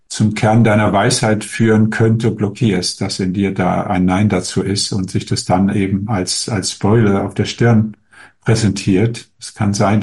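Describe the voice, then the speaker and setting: A man with a fairly low voice answers viewer questions as a spiritual teacher. He speaks calmly and thoughtfully, pausing often with small hesitations as he feels his way through each answer. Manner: calm, musing, with many hesitations.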